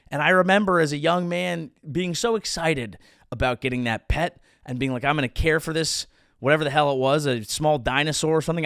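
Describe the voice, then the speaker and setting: A man in his thirties hosts a comedy show, giving a sarcastic monologue full of mock-outraged rants. His voice is fairly high and fairly bright, captured in a dry, clean studio recording.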